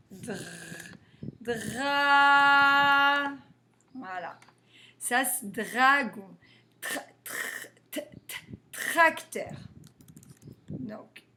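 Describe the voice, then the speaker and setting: A woman teaching a phonics lesson to young children, sounding out letters and syllables slowly and carefully. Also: mid-range voice, pushed and bright, slight background noise.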